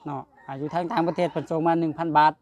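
A man's voice: on the high side, steady tone, racing, darkish tone. A man with a Lao accent, chatting casually as a vlogger presenting donated gifts, repeating himself and seeking agreement. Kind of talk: casual chat to a family and viewers.

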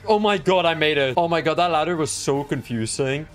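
A young man giving excitable, panicky commentary while playing a game, often yelping and shouting in alarm. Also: a little high, a little fast, soft background music. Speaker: gaming channel host. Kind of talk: live gameplay commentary.

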